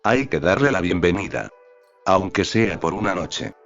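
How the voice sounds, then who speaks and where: A man voicing a cheerful, affectionate husband who talks with lively enthusiasm. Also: deep voice, measured pace, exaggerated voice. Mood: doting. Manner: bubbly, enthusiastic. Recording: slightly dull audio with faint background music.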